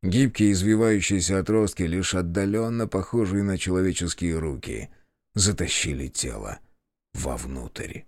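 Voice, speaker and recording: A man narrating a horror audiobook in an expressive, suspenseful manner. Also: sits low, moderate pace, no echo, studio quality.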